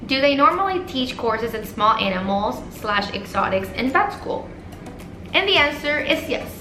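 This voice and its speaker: Young woman, bright upbeat chatty voice, echoey small room, faint music. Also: a little high, sing-song, measured pace, a little hiss or hum. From Puerto Rico. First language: Spanish. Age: 20s. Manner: upbeat, chatty, reads questions aloud. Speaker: vet student vlogger. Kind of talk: casual Q&A vlog. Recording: roomy echo, faint music behind.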